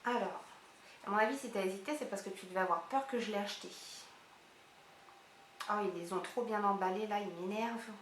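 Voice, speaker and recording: A woman vlogger chatting excitedly as she unboxes gifts, thinking aloud as she goes. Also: medium pitch, brisk, pauses often. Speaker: beauty vlogger. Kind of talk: casual unboxing chat. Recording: roomy echo, faint hiss.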